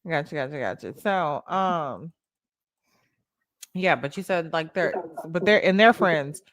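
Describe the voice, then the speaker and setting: A woman hosting a casual video-call chat, loud and animated, swearing and laughing as she reacts. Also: deep voice, unhurried, no room sound. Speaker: host.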